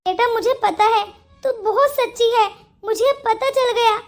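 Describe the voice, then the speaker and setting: A woman's voice: extremely high pitch, a little slow, faint music behind. A woman voicing a suspicious middle-aged mother-in-law in a Hindi cartoon story, probing and reproachful.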